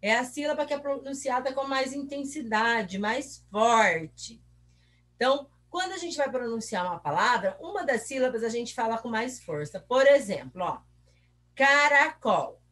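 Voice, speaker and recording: A woman's voice: on the high side, lively intonation, moderate pace. A woman teacher, giving a recorded review lesson for pupils. She asks the class questions patiently and stretches out example words syllable by syllable.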